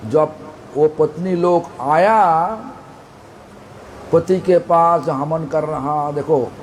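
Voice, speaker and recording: A spiritual teacher delivers a devotional storytelling sermon. His voice sits fairly high for a man and moves at an unhurried, deliberate pace. He repeats phrases for emphasis and turns to the listeners with direct questions. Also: fairly even intonation, slight background noise, rough recording.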